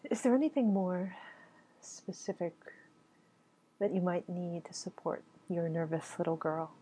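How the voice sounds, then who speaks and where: A woman coaching on a call, asking slow, gentle questions and murmuring agreement. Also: fairly low pitch, breathy edge.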